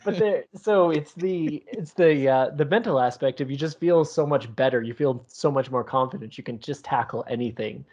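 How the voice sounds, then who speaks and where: A man's voice: medium pitch, brisk, few pauses, a little mellow. A man co-hosting a podcast in casual chat, rambling with many restarts and some teasing. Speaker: podcast co-host. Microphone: remote call setup.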